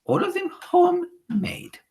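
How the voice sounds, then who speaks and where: Grand High Witch, a screeching tyrant. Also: sing-song, slow pace, creaky, a little mellow, full character voice. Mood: gloating. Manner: screeching, theatrical, odd foreign-sounding grammar. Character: tiny, furious female witch leader, tyrannical. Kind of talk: audiobook character voice.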